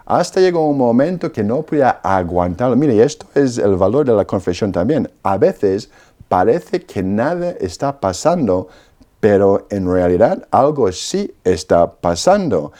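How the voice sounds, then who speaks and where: Low mellow-voiced man telling his story. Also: sing-song, unhurried. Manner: storytelling with frequent "¿no?" tags and restarts. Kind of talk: personal testimony in an interview.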